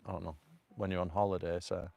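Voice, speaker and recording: A man's voice: low-pitched, flat delivery, fast, creaky, darkish tone. A man with a Manchester accent talking casually on a live stream outdoors, rambling and chatty, with lots of fillers, speaking into a phone on a selfie stick. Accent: Northern English (Manchester). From North Manchester, England. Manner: rambling, chatty, laughs often, many fillers. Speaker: vlogger. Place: outdoors at a rocky cove by a river.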